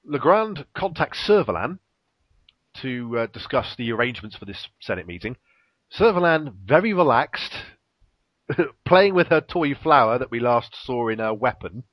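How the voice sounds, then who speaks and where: A man's voice: mid-range voice, big pitch swings, moderate pace, no room sound, lo-fi sound. A man casually retelling the plot of a TV episode in a rambling way, with fillers and little chuckles. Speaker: podcast co-host recapping an episode. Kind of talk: casual chat, episode recap.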